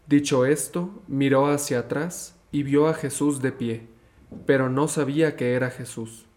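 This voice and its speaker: A young man training for the priesthood reads a gospel passage aloud in a calm, measured way. He then moves into a short, earnest reflection at the same steady pace. His voice sits at an ordinary middle pitch for a man. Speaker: seminarian.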